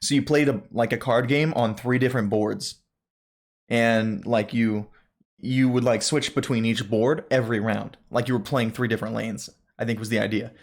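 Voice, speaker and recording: A young man chats through gaming news on a podcast in a loose, rambling way, with many fillers and restarts. His voice sits in an ordinary middle pitch, and his delivery stays easygoing. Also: fairly even intonation, normal speed. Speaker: podcast co-host. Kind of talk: casual gaming news chat.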